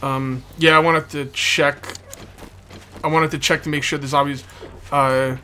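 A let's play host gives casual, rambling commentary on his gameplay, repeating himself and talking around a sore, bitten tongue. His somewhat high voice is unhurried, pushed, and bright, with little pitch movement. Video game ambience and background noise sit behind him.

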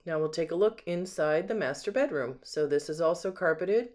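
Expressive and slightly dark, this mid-range voice moves at normal speed as a home sales agent records a handheld walkthrough of an empty house. The unscripted, casual narration goes room by room indoors, admiring and describing each item.

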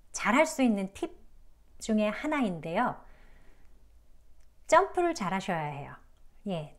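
Patient woman teaching pronunciation. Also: medium pitch. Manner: patient, demonstrative, polite and encouraging. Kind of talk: online phonics lesson.

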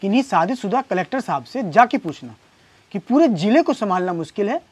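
A man's voice: high-pitched, very animated, fairly quick, slightly rough, dry recording. A man playing a husband in a comedy sketch, trading dry, sarcastic quips with his wife and building into exasperated rants. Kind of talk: scripted comedy sketch acting.

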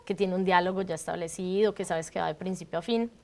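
A woman's voice: on the low side, fairly even intonation, quick pace. Colombian woman explaining improv in studio. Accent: Colombian, Bogotá. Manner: explanatory, fluent, laughs easily. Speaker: guest, improv artist. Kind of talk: studio interview. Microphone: lapel mic.

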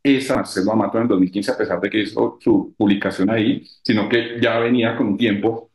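A man's voice: lowish voice, steady tone, brisk. Man lecturing over choppy, glitching call audio. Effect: choppy, breaking-up call audio. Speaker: lecturer at a medical academic week. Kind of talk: technical lecture on a video call. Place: echoey room. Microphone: video call. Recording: echoey room over an unstable video call.

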